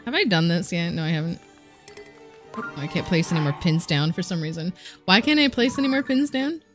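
A woman's voice: fairly low pitch, animated, brisk, faint music behind. A young woman casually chatting and giggling while streaming a video game, sometimes reading in-game dialogue aloud.

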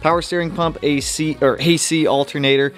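Guy talking through his car build in the garage, kinda high voice, laid back, slangy, lots of uhs, faint music under it. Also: brisk. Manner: relaxed, chatty, slangy shop talk with filler "uh"s. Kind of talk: casual build-log narration.

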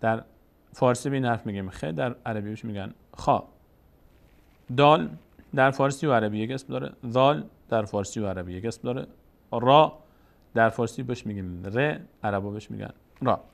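Gravelly man teaching a patient lesson. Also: medium pitch. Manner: slow, patient, explaining step by step. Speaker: Quran reading teacher.

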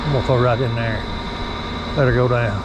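A man's voice: medium pitch, steady tone, brisk, dull audio, very noisy. An older man chatting and laughing while fishing from a small boat outdoors, recorded on an action camera. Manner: folksy, laughing, drawling exclamations. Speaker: fishing channel host. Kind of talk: casual outdoor fishing chat.

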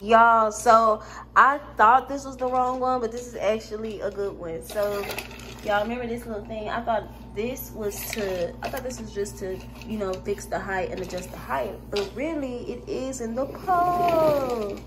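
A woman's voice: fairly high pitch, normal speed, very noisy. A young woman chatting casually to her viewers while she cleans at home, filmed on a phone. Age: young adult. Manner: chatty, talks to viewers as "y'all". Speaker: vlogger. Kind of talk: casual vlog chat. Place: home kitchen, indoors. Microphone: phone camera held by hand.

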